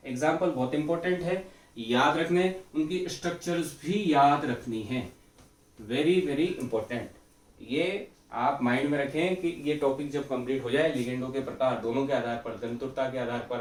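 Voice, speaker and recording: A man teaching chemistry in a fairly high voice, posing questions and answering them himself and repeating each key term. The room rings with echo and the mic sits some way off from him. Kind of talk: classroom lecture. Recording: echoey room, mic far off.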